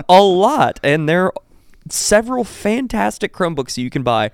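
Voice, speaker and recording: A man's voice: high voice, sing-song, moderate pace, clean tone, dry recording. Upbeat man co-hosting a tech podcast. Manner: upbeat, laughs easily, many fillers and restarts. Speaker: podcast co-host. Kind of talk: casual tech podcast chat.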